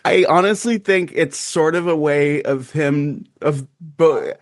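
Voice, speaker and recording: A man co-hosting a podcast in casual chat, wry and quick to laugh. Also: on the high side, no echo. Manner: laughs often, wry and self-aware. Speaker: podcast co-host.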